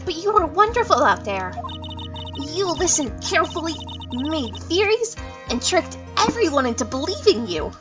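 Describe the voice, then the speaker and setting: A woman's voice: high voice, big pitch swings, moderate pace, distant mic, music in the background, voice pushed up. A woman voicing a cheerful, earnest young female spirit medium in a visual novel game. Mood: relieved. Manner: bright, earnest, playful.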